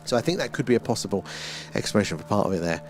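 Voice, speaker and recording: A British man with a lowish voice talks animatedly at a racing pace while faint music plays behind him. He's hosting a livestream, rambling casually and musing in a loosely philosophical way, with a bit of mild swearing.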